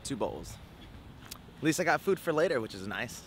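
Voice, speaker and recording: A young man in his twenties vlogging casually to a handheld camera, relaxed and joking, in his car and a parking lot. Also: medium pitch, normal speed, slight background noise. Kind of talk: casual vlog chat. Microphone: handheld camera at arm's length.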